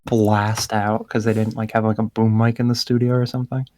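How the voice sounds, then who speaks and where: A woman's voice: a bass voice, flat delivery, fairly quick, dark tone. A woman co-host making playful quips in a casual stream chat.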